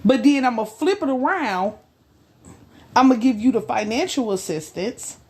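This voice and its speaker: A woman co-hosting a podcast discussion, speaking emphatically with a preaching cadence and slow, stressed phrases. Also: on the high side, animated, darkish tone. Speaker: podcast co-host.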